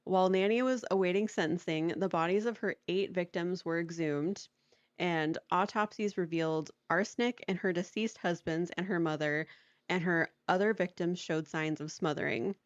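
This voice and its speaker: Speaking at a moderate pace in a voice on the low side, a woman co-hosts a podcast and tells a story casually, peppering it with "like" and laughing frequently. The lo-fi recording is dry and dull, with no echo.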